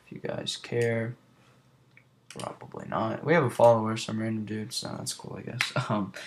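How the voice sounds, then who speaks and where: A young man with a low, gravelly voice talks his way through a design tutorial. He rambles and drops into under-the-breath mutters as he works. Faint background hiss and keyboard clicks sit under the recording. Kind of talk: casual screen-recorded tutorial.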